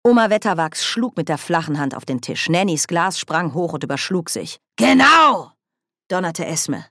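A woman narrating an audiobook in a measured, expressive way. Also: low-pitched, dry recording, studio quality. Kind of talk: scripted narration.

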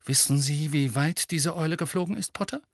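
Man voicing a stern strict teacher lady, clipped, a bit higher. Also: brisk, dry recording, clean studio sound.

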